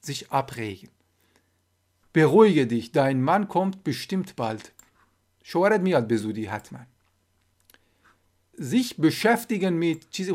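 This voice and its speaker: A man whose first language is Persian teaching German in a recorded lesson. He reads German example sentences slowly and carefully, then explains them quickly in a casual, conversational way. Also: fairly high pitch, darkish tone.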